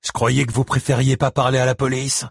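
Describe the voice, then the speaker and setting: A man's voice: low-pitched, sing-song, normal speed, husky, no echo, clean studio sound, heavily acted. A man voicing a wary, wry adult male friend in an audiobook, talking cautiously. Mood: urgent.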